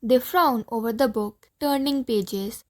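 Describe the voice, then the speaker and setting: A woman narrating the stage directions of an audiobook play in a clear, steady reading. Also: fairly high pitch, unhurried.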